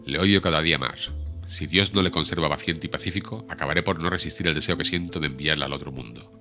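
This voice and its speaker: A man's voice: very deep voice, fast, over music. A man reading the lines of a brooding, vengeful young man in an audiobook, bitter and menacing.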